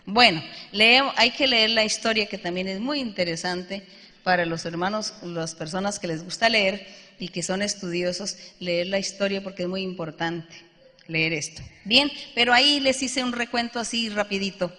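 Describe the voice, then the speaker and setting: A woman's voice: medium pitch, normal speed, pushed and bright. A woman leading a Bible study and answering questions from the congregation. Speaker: church leader answering questions. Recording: long hall reverb.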